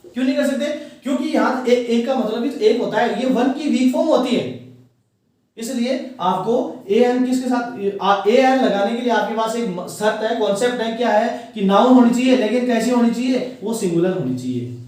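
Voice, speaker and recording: A man's voice: very high-pitched, normal speed, a little mellow. A man teaching an exam-prep grammar lesson, who keeps asking questions and then answering them himself. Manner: quizzes listeners and answers himself. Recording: echoey room, mic at a distance.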